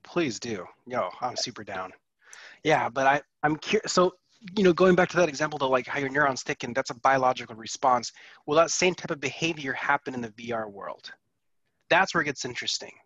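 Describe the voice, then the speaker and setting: A man's voice: medium pitch, expressive, fairly quick, fairly bright tone, dry recording, lo-fi sound. A man chatting on a podcast in a laid-back, slangy way. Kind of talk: casual chat.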